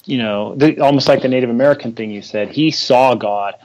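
A man's voice: medium pitch, brisk, darkish tone. Earnest man discussing faith, slightly muffled. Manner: earnest, quotes scripture at length. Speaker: co-host. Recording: slightly dull lo-fi sound.

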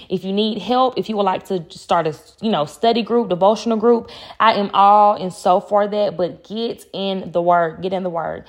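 A woman talking casually and earnestly to her viewers about faith, often repeating key phrases for emphasis. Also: mid-range voice. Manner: speaks directly to viewers as "y'all". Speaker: faith vlogger. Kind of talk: casual faith-based encouragement talk.

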